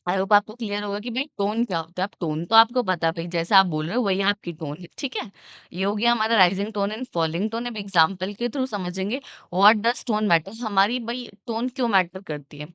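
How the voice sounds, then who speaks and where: A young woman teaching an exam-prep lesson, her voice smooth and resonant, recorded close and dry. She reads definitions slowly and acts out everyday examples, checking often that students follow. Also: medium pitch, fairly bright tone, dry recording, muffled recording. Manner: explains with acted everyday examples, often asks "okay?". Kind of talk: exam-prep lecture mixing Hindi and English.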